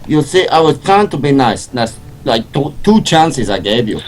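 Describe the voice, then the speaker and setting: A man's voice: medium pitch, big pitch swings, normal speed. A man playing a tabletop game, joking around with the group and given to indignant outbursts. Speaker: player. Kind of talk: casual tabletop chat. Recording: noisy stream recording.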